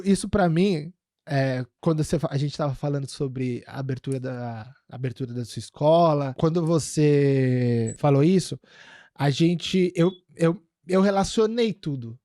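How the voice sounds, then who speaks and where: Rambling man with a mellow voice. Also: a little high, unhurried, no room sound, clean studio sound. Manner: rambling storytelling with many fillers and restarts. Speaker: podcast host. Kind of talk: casual podcast interview.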